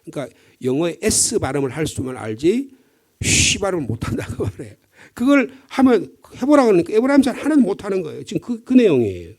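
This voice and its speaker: Preaching at an early-morning service, this middle-aged Gyeongsang pastor talks fast in a high-sitting, darkish voice with huge swings in pitch. His Gyeongsang Korean accent is clear as he tells stories and asks rhetorical questions in a conversational way.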